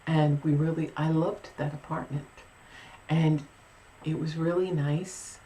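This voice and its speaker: A woman's voice: low voice, little pitch movement, measured pace, warm tone, a little hiss or hum, poor audio. A woman telling a paranormal story in a casual, rambling vlog with many restarts and asides. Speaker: paranormal vlogger.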